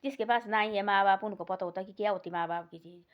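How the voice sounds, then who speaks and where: A woman's voice: medium pitch, fast talker. A woman telling a moral village story in a rambling, folksy way, full of repeats and restarts. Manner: rambling, repetitive, folksy retelling with many restarts. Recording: dull lo-fi recording.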